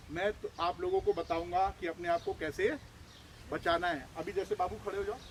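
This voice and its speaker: A man teaching village children outdoors, lively and full of questions to them. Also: high voice, slight background noise. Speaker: outreach trainer.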